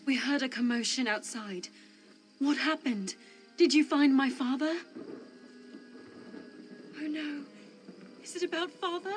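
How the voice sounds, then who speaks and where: An actress playing an anxious, grieving daughter in a fantasy game, pleading and sorrowful. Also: female voice, high-pitched. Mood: worried pleading. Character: anxious, grieving daughter of a stubborn good man.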